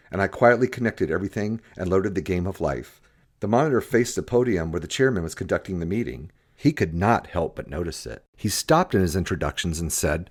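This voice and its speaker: Narrating a story for an audiobook, a man performs the dialogue in a lively, scripted delivery. His voice sits low with a slight roughness.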